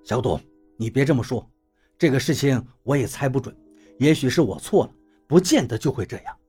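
A man voicing a calm, placating older male hospital director who speaks low and measured in an audiobook. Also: husky, faint music behind. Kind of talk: audiobook character reading.

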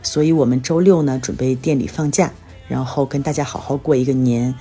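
In a casual solo podcast, a woman from China tells everyday stories and catches listeners up on her life, sounding somewhat tired and unwell. She has a bass voice with a dark tone and fairly even intonation, speaks fairly quickly, and faint music plays in the background.

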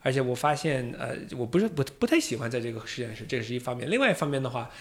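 Gravelly American man speaking as a non-native. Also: medium pitch, animated, very fast. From United States. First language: English. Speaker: podcast guest. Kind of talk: casual interview talk.

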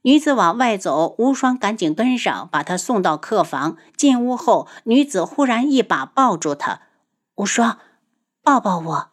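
A woman narrating a novel audiobook in a steady, clear storytelling manner. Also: mid-range voice, normal speed, few pauses. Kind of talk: scripted narration.

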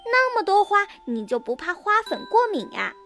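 A woman voicing an excitable child character in a children's story, exclaiming dramatically. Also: very high-pitched, normal speed, soft background music, pitched above the performer's own voice, full character voice.

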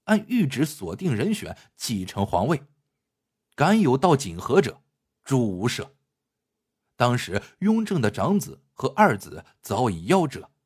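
A man telling a historical legend with dramatic, expressive narration. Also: mid-range voice, husky. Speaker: storyteller.

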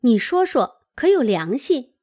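A woman reading the lines of a scornful, sharp-tongued young actress girl. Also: high-pitched, sing-song, unhurried, heavily acted.

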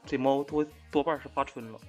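A man chatting in a voice room, grumbling in a dry, deadpan way. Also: medium pitch, a little fast, faint music behind. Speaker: voice chat participant. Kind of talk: casual game chat.

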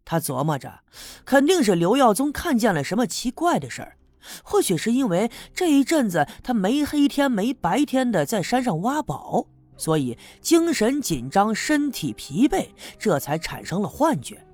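A man narrating a serialized audiobook in an animated storytelling manner. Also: high-pitched, normal speed, no echo. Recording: faint background music.

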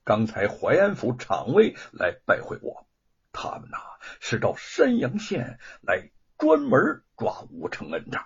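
A man voicing a scheming older rich man who gloats with low chuckles. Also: wildly swooping pitch, unhurried, creaky, husky, full character voice. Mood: gloating. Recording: dull lo-fi recording.

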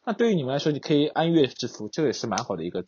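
A man hosting a casual tech talk podcast, chatty and quick to agree. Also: medium pitch, sing-song, darkish tone, breathy edge, dry recording. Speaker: podcast host. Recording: dry, dull lo-fi sound.

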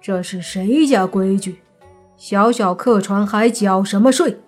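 A woman's voice: lowish voice, takes it slowly, breathy edge, faint music behind. A woman voicing a proud, commanding male emperor in disguise while reading a story aloud. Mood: haughty. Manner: haughty, commanding.

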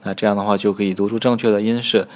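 A man teaching Korean pronunciation in a recorded lesson, patiently demonstrating sounds slowly and repeating them. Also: lowish voice, little pitch movement, darkish tone.

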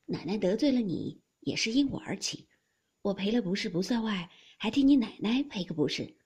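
A woman voicing a young nobleman husband who talks in an apologetic, placating way, with a breathy voice. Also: medium pitch, lively intonation, moderate pace, darkish tone.

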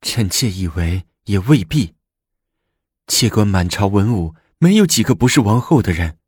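A man voicing a defiant, sharp-tongued young imperial consort who protests shrilly. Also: sing-song, normal speed, breathy edge, no echo, studio quality. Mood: indignant. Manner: shrill, indignant.

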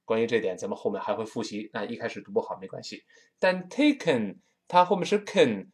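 Brief: man, Tianjin accent, English teacher, animated pitch, drills words slowly. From Tianjin, China. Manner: lively, slows down to drill pronunciation. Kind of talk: spoken English lesson.

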